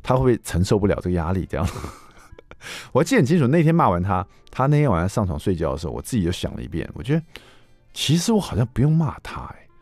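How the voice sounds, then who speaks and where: A man in his thirties hosting a radio talk show, telling a story casually in an animated way, with a loud, ringing voice. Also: lowish voice, quick pace, no echo. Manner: animated, acts out the quotes he tells, with a loud, ringing voice. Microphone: studio mic.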